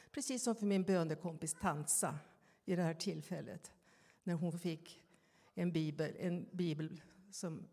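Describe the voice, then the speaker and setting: Woman giving a sermon, lowish mellow voice, slow and thoughtful with questions to the crowd, long church echo. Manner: slow, reflective, with pauses and questions to listeners. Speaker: preacher.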